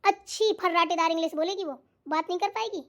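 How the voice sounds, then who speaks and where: A woman's voice: extremely high pitch, quick pace. A woman voicing a scolding old mother-in-law. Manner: scolding, taunting, uses old sayings. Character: bossy older mother-in-law, scolding and sharp-tongued. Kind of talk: cartoon voice acting.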